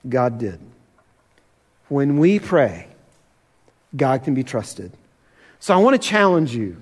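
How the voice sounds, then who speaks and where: A pastor giving an earnest sermon, slowing down to stress key points and challenging his listeners. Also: a little high, a little mellow, long reverb tail. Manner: earnest, challenging, slows for emphasis.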